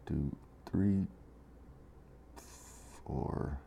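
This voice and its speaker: A man's voice: very deep voice, extremely slow, vocal fry, dull audio, a little hiss or hum. A tired man giving laid-back, rambling commentary over a strategy game, with frequent fillers. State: tired after being awake 23 hours. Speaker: gameplay commentator.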